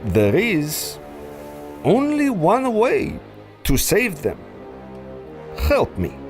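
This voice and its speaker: Brief: man voicing a slow, silky radio-serial villain doctor, higher-pitched, sweeping up and down when he talks. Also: wildly swooping pitch, soft background music, exaggerated voice. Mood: menacing. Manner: silky, menacing, drawn-out delivery. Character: scheming foreign male villain doctor, smooth and manipulative. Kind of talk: old-time radio drama acting.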